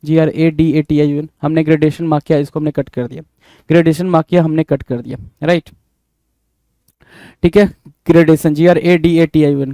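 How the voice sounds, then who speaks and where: A man's voice: high voice, darkish tone, no echo, clean studio sound. A man with an Indian accent teaches English spelling in an online exam-prep lesson. He spells words out letter by letter, asks questions and answers them himself, and often calls his listeners "bhai".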